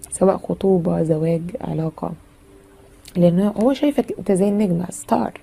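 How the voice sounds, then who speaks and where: A woman's voice: mid-range voice, vocal fry, dark tone, slightly rough. A woman with an Egyptian Arabic accent giving a chatty, casual tarot reading full of fillers and teasing asides. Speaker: tarot reader.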